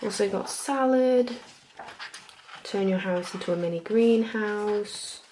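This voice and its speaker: A woman playing a friendly, chatty librarian in a soft-spoken, gentle and informal ASMR role-play. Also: medium pitch, slow pace, background noise, natural voice. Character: friendly, chatty female librarian recommending books.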